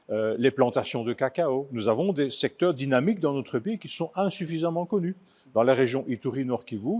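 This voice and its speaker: A man speaks as a guest in a television studio, earnest and methodical, with his voice rising in force as he lists his points. His pitch sits in an ordinary middle range. He is from the Democratic Republic of the Congo. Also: darkish tone. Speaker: author and film producer, guest. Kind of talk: studio interview.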